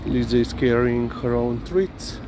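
A man casually narrating a walk with his dog outdoors on city streets, rambling and unhurried, with many fillers and restarts. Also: medium pitch. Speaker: dog owner vlogging a walk. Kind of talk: casual narration while walking. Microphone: handheld or body camera. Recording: noisy outdoor street recording. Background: traffic and street noise.

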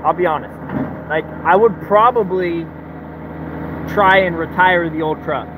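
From the cab of his truck, a man in his thirties who runs a trucking business vlogs casually into a phone held at arm's length. His voice is high and his pace measured, and he talks in a loose, rambling, laid-back way. Engine noise comes through the phone audio.

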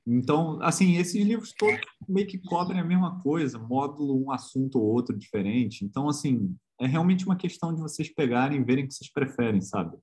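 A man with a Brazilian Portuguese accent gives an informal physics lecture online, speaking at a medium pitch and a little quickly with hardly any pauses. His delivery is relaxed and chatty, full of tag questions and hesitations.

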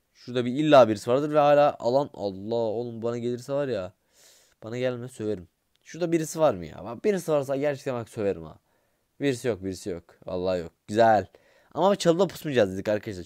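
Excitable young man in gameplay commentary. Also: mid-range voice, dry recording, clean studio sound. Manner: excitable, grumbling, swears under his breath; talks straight to his viewers. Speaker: gaming YouTuber.

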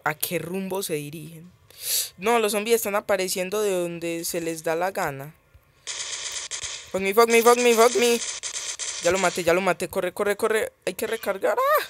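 A man's voice: sits high, fairly even intonation, normal speed. A man giving casual gameplay commentary as he plays a mobile game, chatty and thinking aloud, easily startled.

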